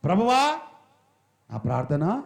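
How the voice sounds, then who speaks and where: High-voiced pastor chanting prayers. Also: male voice, wildly swooping pitch, gravelly. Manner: drawn-out chanted prayer lines, scolding congregants directly. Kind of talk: sermon with call-and-response prayer. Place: church.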